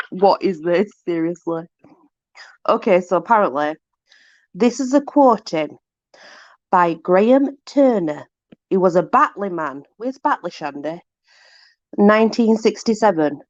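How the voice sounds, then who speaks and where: A woman from Yorkshire hosts a book reading, animated and a little slow, pausing often in a medium-pitched voice. She keeps it chatty, with informal, exclamatory asides to a companion. The recording is dry and lo-fi.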